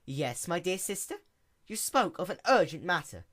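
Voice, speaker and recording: Regal storybook pony princess, voiced by a man. Calm, formal, measured, pitched above natural speech. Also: heavily acted. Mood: composed. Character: calm, regal elder-sister pony princess, gentle ruler.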